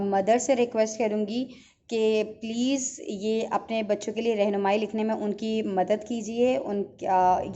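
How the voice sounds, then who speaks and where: A woman teacher giving an online Urdu lesson to young children, explaining slowly and patiently and checking in often. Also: on the high side, a little mellow, muffled recording, a little hiss or hum. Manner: patient, slow teacher talk with repeated checks.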